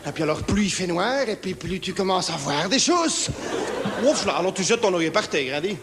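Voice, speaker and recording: Actor doing a high-strung Belgian insomniac, rambling with tics, live in a reverberant theatre. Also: male voice, expressive, fairly quick, a crowd in the background, noisy background. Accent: Belgian French. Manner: fidgety, rambling, full of verbal tics. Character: nervous naive lonely insomniac man. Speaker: stage comedian. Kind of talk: one-man stage show. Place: theatre stage with live audience.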